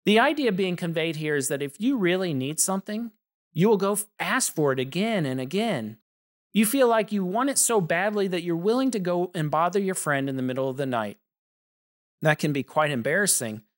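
A man's voice: high voice, expressive, a little fast. A man hosting a Bible teaching podcast, explaining prayer in an earnest, scripted storytelling delivery. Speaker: podcast host and preacher.

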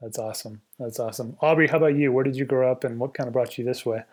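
Chill guy co-hosting a podcast interview, thoughtful, trails off quiet. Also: medium pitch, rapid-fire. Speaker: podcast co-host. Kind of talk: conversational interview.

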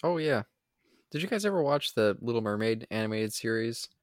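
Man, very animated pitch, dry close sound, casual film commentary, crude and joking, sweary. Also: a little fast, no room sound.

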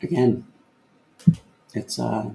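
A man in his fifties co-hosts a casual podcast, rambling with plenty of fillers and throwing in jokes. His voice is gravelly and mellow. The room sounds roomy and echoey. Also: medium pitch, flat delivery, extremely slow. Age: 50s. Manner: joking, rambling, lots of fillers. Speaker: podcast co-host. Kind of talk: casual chat. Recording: roomy echo, faint ambient noise.

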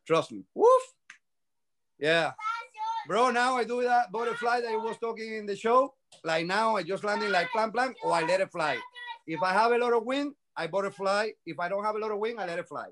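A man in his forties whose first language is Spanish, chatting excitedly in broken English and swearing freely. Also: high voice, fairly quick, slight background noise. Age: 40s. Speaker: paramotor pilot. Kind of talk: casual chat.

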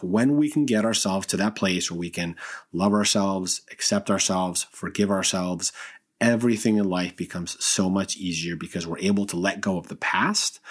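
A man with a somewhat low, breathy, husky voice hosts a self-help podcast. He talks in an encouraging, unscripted way and often circles back to restart a phrase. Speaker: podcast host.

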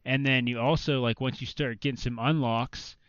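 A man's voice: mid-range voice, fairly even intonation, normal speed, a bit bright, clean tone, no echo, highs cut off. A man co-hosting a podcast, chatting casually and rambling with lots of fillers. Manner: rambling, filler-heavy, restarts often. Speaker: podcast co-host. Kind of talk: casual chat about video games.

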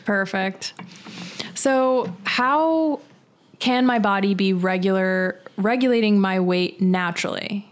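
A woman with a smooth, clear voice puts questions to the host on a podcast. She keeps her prompts short and brisk to move the talk along. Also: medium pitch.

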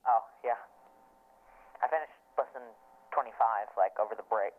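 A man's voice: on the low side, normal speed. A teenage boy in casual phone chat, heard through a phone on speakerphone and giving short, offhand answers. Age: early teens. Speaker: phone caller. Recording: tinny phone line.

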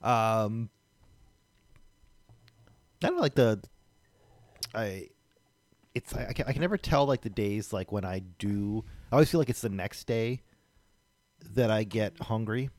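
A man's voice: lowish voice, animated, measured pace, long pauses, a little mellow, dry recording. A man co-hosting a podcast, chatting casually in a hesitant, stammering way. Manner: hesitant, stammering, lots of fillers. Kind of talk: casual chat.

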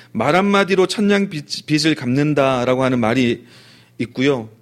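Animated male preacher. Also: mid-range voice. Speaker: pastor. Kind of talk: sermon.

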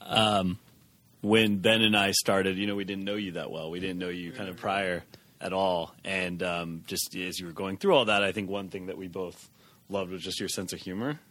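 A man with a low-pitched voice and a bright, forceful edge tells a casual anecdote. His delivery is informal and a bit halting, and the sound is dry and close. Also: fairly even intonation, no echo.

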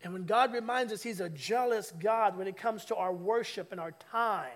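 A man's voice: high-pitched, normal speed. A man preaching a conversational sermon in church, teasing the congregation and calling for their replies. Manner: lively, teasing, calls for audience replies. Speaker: pastor. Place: church sanctuary.

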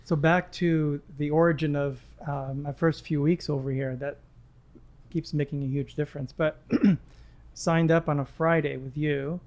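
A Lebanese man in his sixties, a gym client appearing as a guest, chats casually in a friendly, rambling way with many restarts. His voice is a little high and darkish, with a steady tone and a measured pace.

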